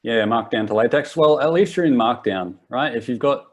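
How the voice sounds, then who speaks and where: Speaking at a normal speed in a mid-range voice, a twenty-something Australian man leads a casual live workshop. His delivery is easygoing and rambling, with plenty of restarted sentences.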